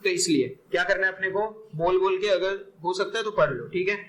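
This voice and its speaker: A man teaching biology in a classroom, loud and energetic, quizzing and praising his students. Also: high-pitched, a little fast. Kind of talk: lively classroom lecture. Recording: noisy classroom recording.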